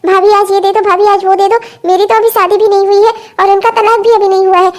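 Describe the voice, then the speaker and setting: A woman voicing a scheming, greedy young fiancée in a cartoon, sharp and scornful when she argues. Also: very high-pitched. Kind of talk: cartoon voice acting.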